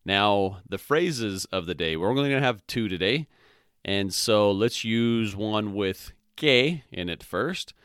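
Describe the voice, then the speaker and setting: Guy hosting a spanish lesson podcast, talks real slow, spells stuff out, dry close sound. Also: on the low side, lively intonation, fairly bright tone, clean tone, dry recording. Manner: spells words letter by letter and repeats phrases; checks in with "all right?" and "okay?". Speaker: podcast host teaching Spanish. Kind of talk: slow, methodical language lesson.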